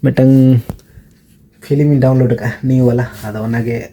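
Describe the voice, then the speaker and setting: A man's voice: medium pitch, fairly even intonation, normal speed, mellow. A man chatting casually as a vlogger outdoors at night, laughing often. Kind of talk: casual vlog chat. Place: outdoors at a lit-up night event. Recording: busy crowd noise around.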